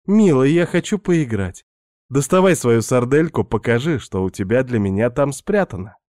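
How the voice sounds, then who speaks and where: A man's voice: mid-range voice, expressive, moderate pace, a little mellow, no echo, clean studio sound, natural voice. A man reading aloud and voicing a pushy young woman who teases and coaxes insistently in a raised voice. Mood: coaxing. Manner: teasing, insistent.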